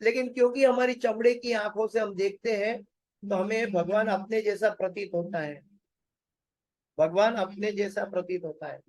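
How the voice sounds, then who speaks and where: A man giving a scripture lecture, explaining slowly with pauses and repeating his phrases. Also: sits high, darkish tone, no echo, rough recording. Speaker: Bhagavatam lecturer.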